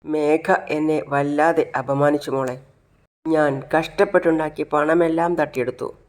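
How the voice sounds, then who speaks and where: A man's voice: fairly high pitch, fairly even intonation, measured pace, darkish tone, natural voice. A man voicing a humiliated, tearful aging father in a recapped serial, speaking mournfully. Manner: mournful, self-pitying.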